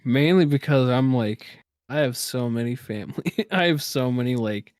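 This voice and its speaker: A man's voice: mid-range voice, moderate pace, darkish tone, no room sound. Young man chatting casually, dry audio. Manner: laughing, sarcastic storytelling. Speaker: podcast co-host. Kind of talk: casual chat.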